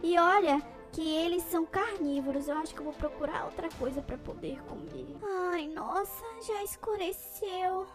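A woman's voice: very high-pitched, normal speed, few pauses, over music. A woman narrating a game in first person as the character she plays, dramatic and emotional. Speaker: game role-player.

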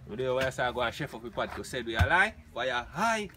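A young man with a Jamaican accent chatting excitedly to a phone camera in an outdoor yard as he hosts a cooking vlog. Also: medium pitch, fairly quick. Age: young adult. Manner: excited, loud patois banter to camera. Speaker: vlogger. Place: outdoor yard among banana trees. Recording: loud outdoor background noise.

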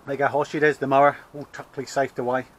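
A man's voice: mid-range voice, little pitch movement, racing, fairly bright tone, soft background music. A man, chatting casually to a handheld camera at an allotment garden, joking about himself. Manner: chatty, self-mocking, laughs at himself. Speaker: allotment vlogger. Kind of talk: casual vlog chat. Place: outdoor allotment garden, by a shed. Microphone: handheld camera close to face.

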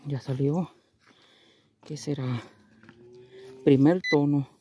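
A man talks his viewers through a treasure hunt outdoors, casual and full of fillers. His voice sits a little high yet sounds mellow and warm. Faint outdoor noise runs under the recording. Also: steady tone, slow pace. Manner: chatty, addresses viewers as companions, frequent fillers. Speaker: metal detecting vlogger. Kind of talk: casual outdoor narration to camera. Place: outdoors in a rural field.

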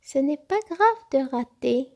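A woman voicing a wise, calm little boy fox who talks gently and reassuringly in a storybook. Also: sits high, measured pace, creaky, voice pushed up. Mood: gentle.

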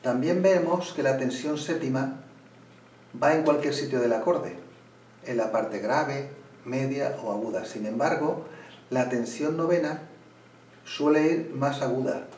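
A man teaching flamenco guitar, explaining slowly and pausing as he plays, sometimes restarting a phrase. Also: mid-range voice, darkish tone, a little hiss or hum. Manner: unhurried, pauses while playing, restarts phrases. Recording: roomy room, mic at a distance. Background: guitar playing.

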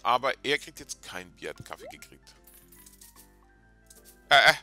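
A chatty, excitable man hosting a video game let's play and talking casually to his viewers. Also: mid-range voice, brisk. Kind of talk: casual gameplay commentary. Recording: game music in background.

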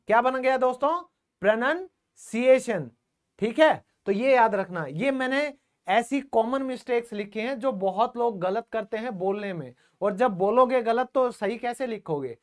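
An online English lesson is led by a man with an extremely high, expressive voice at normal speed. He poses questions to the class, answers them himself, repeats the key words, and keeps calling viewers "friends."

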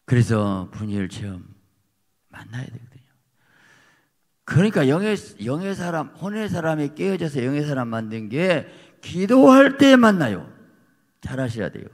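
A man preaching a fiery sermon as pastor, emphatic, swinging from quiet asides to shouted peaks. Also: fairly high pitch, very animated, moderate pace. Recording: long reverb of a church hall.

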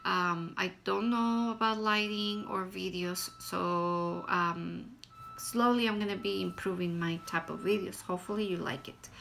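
Speaking from a small indoor room at home, a vlogger in her thirties from Guatemala reviews a product casually in a Guatemalan Spanish accent. Her low-leaning voice is gravelly and a bit bright, with a steady tone and measured pace, and she sounds plain and hesitant, using frequent fillers. Slight background noise is audible.

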